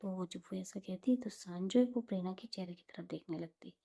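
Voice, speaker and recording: A woman casually retelling a romance story in a relaxed, conversational way, often dropping into whispers. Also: mid-range voice, brisk, gravelly.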